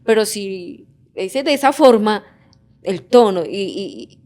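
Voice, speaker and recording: A woman's voice: mid-range voice, expressive, slow, darkish tone. A woman co-hosting a church couples ministry talk, explaining with example phrases.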